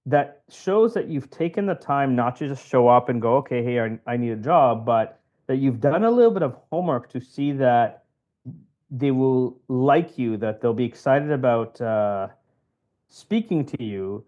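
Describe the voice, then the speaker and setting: This man grew up in West Africa, in Cameroon and Ivory Coast, and appears as a podcast guest who coaches people for job interviews. His mid-range voice is animated and a little slow, with the highs cut off. He explains his advice conversationally, using examples and repeating phrases for emphasis.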